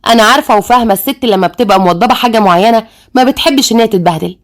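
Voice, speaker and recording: A calm, patient middle-aged stepmother with an Egyptian accent, voiced by a woman narrator. She speaks in a soothing, measured way with a fairly high voice and a quick pace in this audio story. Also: natural voice.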